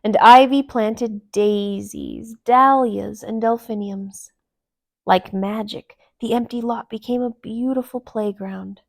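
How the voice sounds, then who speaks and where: A woman reads a children's story aloud with expressive, unhurried storytelling. Her voice is a little high and has some vocal fry.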